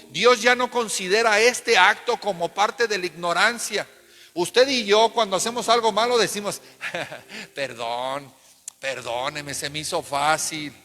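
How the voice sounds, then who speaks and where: A man's voice: high-pitched, pushed and bright. A man preaching a sermon as pastor, emphatic and calling the congregation to repeat after him. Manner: emphatic, calls for responses. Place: church. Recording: long church reverb.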